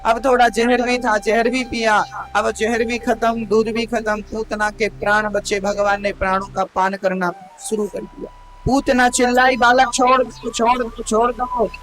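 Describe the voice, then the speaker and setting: A man telling devotional stories in a sermon with a North Indian Hindi accent, dramatic and addressing his listeners warmly as mother. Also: high-pitched, flat delivery, a little slow. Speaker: Bhagavat katha preacher.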